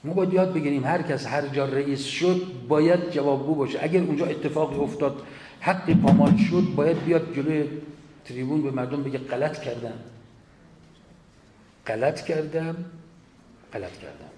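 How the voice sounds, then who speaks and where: A man delivering a sermon, forceful and full of rhetorical questions. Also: on the high side, fairly even intonation, slight background noise. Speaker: cleric. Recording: echoey hall with faint ambience.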